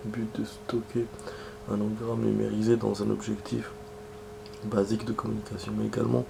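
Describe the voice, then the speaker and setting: This streamer, a man nursing a cold, reads game text aloud and chats while playing, clearing his throat along the way. His moderate-paced speech is low, flat and gravelly, full of muttered asides, with noise in the background.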